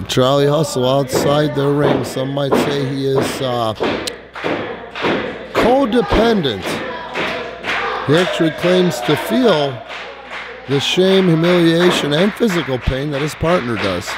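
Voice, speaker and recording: A man's voice: a little high, lively intonation, slow pace, long pauses, over loud music. A man doing live play-by-play commentary on a pro wrestling match in a folksy, wry way. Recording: noisy live event hall ambience.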